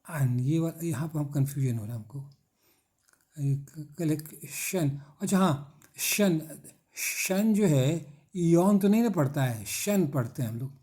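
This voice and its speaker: A middle-aged male teacher lectures in a slightly high but mellow voice. He drills the class with short repeated questions and answers and draws key words out slowly. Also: animated. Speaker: English teacher.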